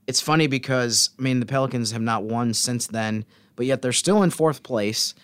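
A man co-hosting a casual sports podcast, talking in a thoughtful, measured way. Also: mid-range voice, fairly bright tone, clean tone. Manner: thoughtful, measured, fills pauses with "I mean" and "so". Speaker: podcast co-host.

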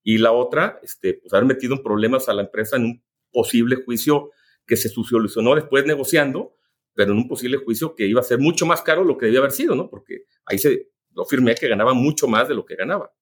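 A man with a Mexican Spanish accent talks like an executive telling stories in an interview. He circles back, restarts sentences and adds asides as he goes, in a relaxed conversational way. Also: medium pitch, quick pace, husky. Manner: anecdotal, many restarts and asides. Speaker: business executive guest. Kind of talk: casual storytelling interview.

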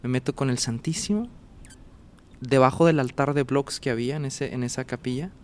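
A man's voice: mid-range voice, brisk. A man, casually telling a personal story as a guest and acting out the dialogue and sounds. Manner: animated, acts out dialogue and sounds.

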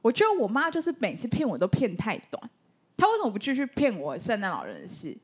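A young Taiwanese woman talking fast in a casual podcast chat. Her pitch leaps all over as she tells childhood stories, laughing often. She has a bouncy, animated delivery. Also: slightly rough. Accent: Taiwanese Mandarin. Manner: animated storyteller, laughs often, high-pitched when quoting. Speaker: podcast co-host.

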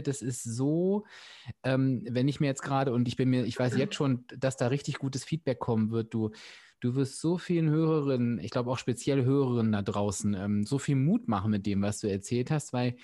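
A man's voice: mid-range voice, mellow. A man hosting a podcast interview, talking in a thoughtful, encouraging way with fillers and restarts. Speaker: podcast host. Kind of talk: casual interview talk.

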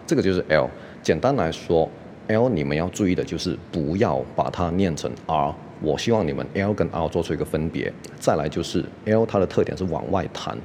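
A man teaching English pronunciation in a casual spoken lesson, often saying "OK" and "right" and repeating example words slowly for the listener to copy. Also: low voice, a little mellow, slight background noise. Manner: mixes English words into Mandarin, repeats words slowly to model them; frequent "OK" and "right" fillers.

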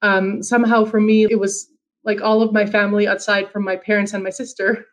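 A Finnish woman, whose native language is Finnish, speaks with an American accent as a guest in a casual conversation. Her medium-pitched voice is level and brisk, and she rambles, frequently restarting and using fillers.

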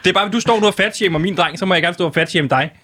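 A man's voice: high voice, bright, forceful tone, dry recording. A young man hosting a studio show in comic banter, short on sleep, teasing and exasperated. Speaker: host. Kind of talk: casual comedic banter. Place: radio studio.

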